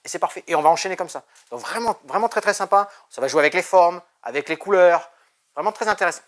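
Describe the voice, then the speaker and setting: A man's voice: sits high, expressive, fast, fairly bright tone. A man presenting board games in a shop, chatty and jokey, with many fillers. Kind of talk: casual game presentation.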